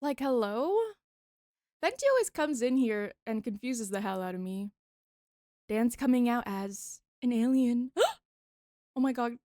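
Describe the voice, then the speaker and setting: A young woman streamer chatting casually with her viewers, bubbly and talkative, reacting loudly to the chat. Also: a little high, expressive, measured pace, long pauses, dry recording, clean studio sound.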